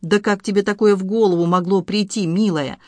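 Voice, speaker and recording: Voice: medium pitch, steady tone, fairly quick, no room sound, lightly acted. A reader voicing a young husband who flares up and then turns urgent and coaxing, in an audiobook. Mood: indignant. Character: young husband, hot-tempered but tender. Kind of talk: audiobook dialogue.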